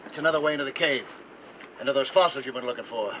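An actor playing an easygoing adult male diver in a 1960s TV drama, wry and relaxed. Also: mid-range voice, racing, slight background noise, natural voice. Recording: dull lo-fi 1960s TV soundtrack.

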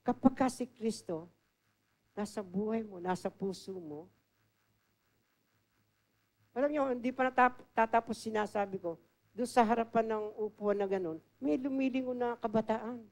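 A woman preaching a sermon as an assistant pastor. She tells stories in a conversational way, drops English phrases into her talk, and often moves between loud and soft. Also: a little high, normal speed. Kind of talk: storytelling sermon.

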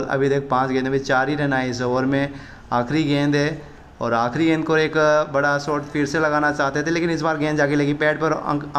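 Guy doing excited cricket game commentary, bit high pitched but fairly even tone, repeats himself, noisy background. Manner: repetitive, addresses viewers often. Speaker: gaming streamer commentating.

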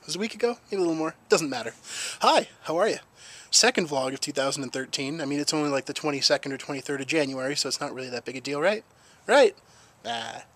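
A man's voice: a little high, fairly bright tone. A young man chats casually to a handheld camera outdoors, rambling jokily and repeating his phrases. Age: young adult. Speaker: vlogger. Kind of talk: casual vlog chat to camera. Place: outdoors in a snowy backyard in winter. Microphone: handheld camera at arm's length.

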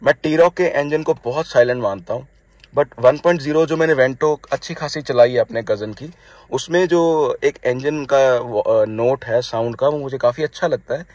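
A man in his thirties with a slightly hoarse throat, giving a casual spoken review of his new car from inside it and talking to viewers as friends. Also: mid-range voice, moderate pace, darkish tone, dry recording. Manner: chatty, mixes English phrases into his talk, addresses viewers as friends.

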